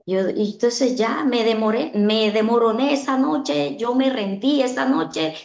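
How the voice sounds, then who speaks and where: A woman with a somewhat high voice tells an earnest personal testimony, circling back to the same phrases again and again. The room is echoey and the sound is a little dull, like a modest recording. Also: expressive, a little slow, creaky, a little mellow. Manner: earnest, repeats phrases for emphasis. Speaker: guest giving a testimony.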